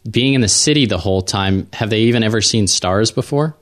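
Low-voiced casual male co-host. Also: brisk. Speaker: podcast co-host. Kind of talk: casual interview chat.

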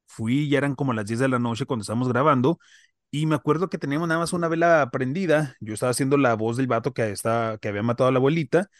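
A man's voice: medium pitch, quick pace, no room sound, clean studio sound. A man, a podcast co-host, chatting casually and telling a story in loose slang.

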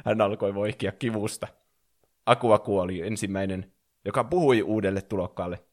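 A man's voice: lowish voice, sing-song, darkish tone. A man reading a fan fiction story aloud in a playful way, acting out the characters.

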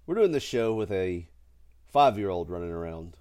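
A man's voice: deep voice, very animated, normal speed, darkish tone. A middle-aged man who is sick with a cold, chatting casually and jokingly as a podcast co-host. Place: at home in a house.

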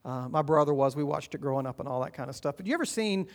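A man preaching a sermon as pastor, earnest and encouraging, swinging between loud urging and quiet, hushed lines. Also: a little high, expressive, fast talker. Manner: earnest, encouraging, rises and drops in volume.

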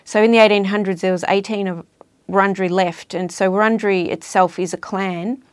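A woman with a middle-pitched voice explains patiently as an interview guest. Her voice is close and dry in a studio room, and she pauses on fillers as she thinks. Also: fairly even intonation, no echo. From Victoria, Australia. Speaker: guest, language and culture worker. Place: recording studio.

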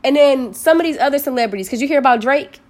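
A young woman with a slightly high voice talks in a casual, blunt and animated way. She swears freely as she chats with her co-hosts. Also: fast talker. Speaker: podcast co-host. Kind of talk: casual chat.

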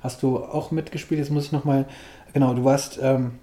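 A man hosting an interview, asking questions in a halting way and searching for words. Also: mid-range voice, little pitch movement, warm tone, echoey room. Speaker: podcast host, interviewer. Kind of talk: casual interview.

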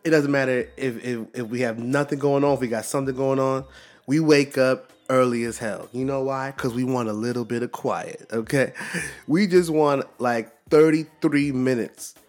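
Male American podcast host, mid-pitched, casual bro talk with hip-hop slang, music underneath. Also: normal speed, darkish tone. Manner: laid-back, slangy, bro-like delivery peppered with "yo" and "you know what I'm saying".

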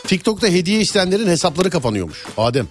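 Male radio host, mid pitch, very lively and quick, rambling and teasing through listener messages. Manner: animated, teasing, rambling conversational delivery. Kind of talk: casual radio chat, reading out listener messages. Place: radio studio. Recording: music bed behind the voice.

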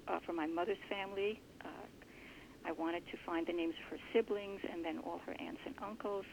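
A woman guest in an interview, explaining her family research earnestly and thoughtfully, with a gravelly voice. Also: fairly low pitch, slight background noise. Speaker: genealogist guest. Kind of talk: conversational interview answers. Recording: muffled lo-fi recording.

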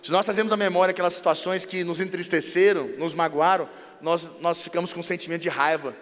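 A man with a Brazilian Portuguese accent preaches in a high, lifted voice, telling everyday stories in a lively way. His words ring out with a long hall reverb behind them, and he slips into acted dialogue as he explains. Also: quick pace. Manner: lively storyteller who acts out dialogues. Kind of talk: informal sermon on marriage.

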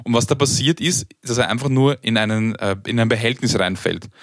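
A young man with a Viennese German accent rants in a casual chat, blunt and sometimes crude about daily irritations. His pitch sits in a middle range. The recording is close and dry. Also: a little fast, dry recording. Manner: ranting, blunt, swearing. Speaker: podcast co-host.

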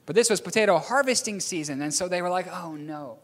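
With a high-sitting voice and a fairly quick delivery, this New Zealander tells stories in a sermon. He rambles somewhat, laughs softly at his mistakes as he fixes them, and his words echo with long hall reverb.

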